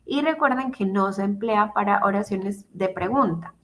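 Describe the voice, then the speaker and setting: A woman teaching English over a video call, with a bright, clear, forward tone. She explains patiently and steadily, reading each example aloud before breaking it down. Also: medium pitch, moderate pace. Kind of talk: online class explanation.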